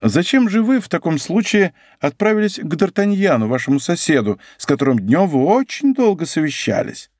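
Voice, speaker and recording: Stern male police commissioner, voiced by a man, interrogating, slightly raised pitch. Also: big pitch swings, a little fast, hardly any pauses, a little mellow, dry recording, clean studio sound. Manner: interrogating, accusing. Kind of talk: audiobook character voice.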